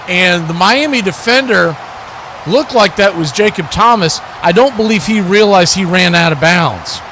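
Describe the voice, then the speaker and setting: An American play-by-play announcer for an online watch party stream calls the football action live in clipped short phrases. His voice sits high and is a bit bright, with clear background noise behind it.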